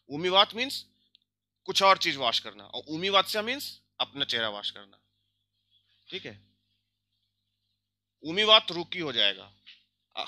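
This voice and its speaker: A young man teaches a grammar lesson in a very bright, slightly high voice. He goes step by step, checks in with his listeners often, and says the example words slowly and carefully. The sound is dry and close. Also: no echo. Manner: explains step by step, often checks with "theek hai". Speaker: language teacher.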